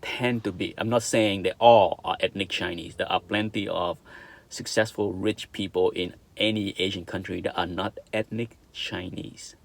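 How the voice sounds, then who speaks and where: This middle-aged Vietnamese vlogger has a deep voice with vocal fry and talks in a steady tone at normal speed. His Vietnamese-accented opinion monologue is earnest, and he circles back over his points while checking in with "okay?".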